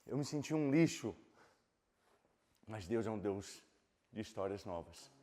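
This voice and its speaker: A pastor in his forties preaching a sermon with a personal testimony, swinging from loud impassioned preaching to hushed confession. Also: lowish voice, lively intonation, a little slow. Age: 40s. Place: church sanctuary. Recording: long reverb of a church hall.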